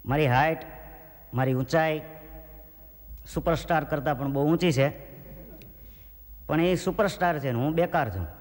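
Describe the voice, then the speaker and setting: High-voiced comic telling stories on stage. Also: male voice, moderate pace, long pauses, long reverb tail. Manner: self-mocking storyteller, acts out hecklers' voices. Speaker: folk comedian. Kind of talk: stand-up joke telling.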